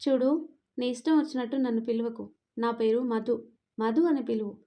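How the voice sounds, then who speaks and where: A woman's voice: a little high, fairly even intonation, normal speed, mellow, natural voice. A woman reading the part of a shy young female student who stammers and pleads. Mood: indignant. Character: timid young woman student, easily frightened.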